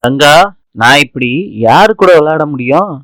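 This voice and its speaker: A shy, affectionate young husband who talks gently and pleads, read out by a man. His voice is on the higher side and dry, with no echo. The tone stays soft and coaxing. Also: expressive, normal speed. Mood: pleading. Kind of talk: serial recap narration.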